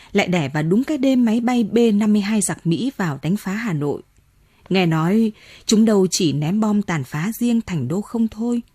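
A woman narrating a novel as an audiobook in a steady, measured storytelling manner. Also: mid-range voice, breathy edge, no room sound. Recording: dry close mic, faint music.

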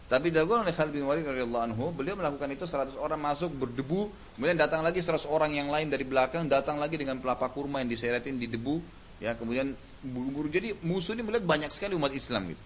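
A male preacher giving an Islamic lecture in a relaxed, conversational way, often closing his points with short tag phrases. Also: on the high side, racing. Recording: dull lo-fi recording with faint hiss.

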